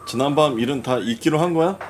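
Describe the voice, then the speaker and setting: A man's voice: mid-range voice, very fast, a little hiss or hum. A man doing casual game commentary, playfully grumbling and talking back to the game. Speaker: gaming streamer playing and reacting.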